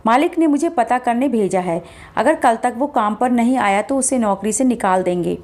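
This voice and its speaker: A woman's voice: fairly high pitch, animated, moderate pace, darkish tone. A woman voicing a polite young man, a worried coworker who asks respectfully after his friend. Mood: concerned.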